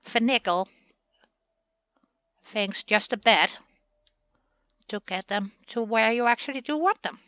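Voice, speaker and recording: A woman's voice: on the high side, expressive, slow, long pauses, pushed and bright, no room sound, highs cut off. A woman hosting a gaming channel, chatting through a building session in a playful way and talking to the game pieces as she works.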